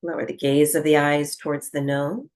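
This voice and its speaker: A woman teaches breathwork through gentle, slow relaxation instructions broken up by long pauses. Her voice sits low and barely moves in pitch.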